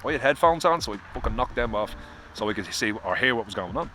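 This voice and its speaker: A man's voice: mid-range voice, expressive, quick pace, pushed and bright. An Irish man talking earnestly and confessionally to camera outdoors in the cold, swearing casually, with faint traffic behind. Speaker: vlogger. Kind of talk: candid personal vlog.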